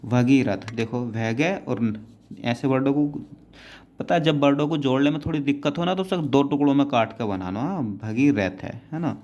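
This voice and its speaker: A man's voice: medium pitch, moderate pace, a little mellow. Patient male shorthand teacher, lo-fi. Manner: patient, keeps adding "है ना" and calling students "बेटा". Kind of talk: explaining a lesson word by word.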